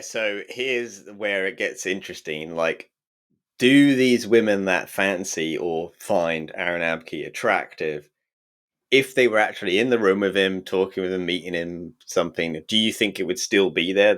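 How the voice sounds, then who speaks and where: Low voiced guy cohosting a podcast, jokey, laughs a lot. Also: normal speed, a bit bright. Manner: teasing, laughs often, thinks aloud with restarts. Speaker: podcast co-host. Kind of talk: casual podcast chat.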